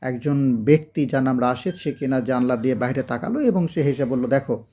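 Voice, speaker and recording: A Bangladeshi man teaching English vocabulary, repeating each word slowly for students to drill, and reading example sentences out very slowly. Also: mid-range voice, lively intonation, dark tone, lo-fi sound. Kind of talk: classroom-style vocabulary lesson.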